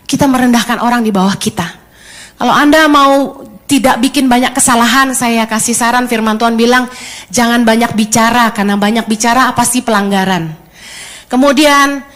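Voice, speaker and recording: A middle-aged woman pastor, preaching a sermon in an animated way and mixing in English phrases. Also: a little high.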